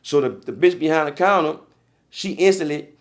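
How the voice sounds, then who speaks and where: New Orleans man, young, gravelly, slightly high voice, slangy storyteller. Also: normal speed. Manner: streetwise slang, frequent "you feel me". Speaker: podcast guest. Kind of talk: casual storytelling.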